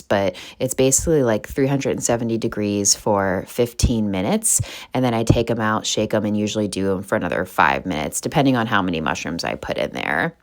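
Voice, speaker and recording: A woman's voice: very deep voice, no echo. A young woman giving casual vlog voice-over narration in a plain, everyday way. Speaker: vlogger.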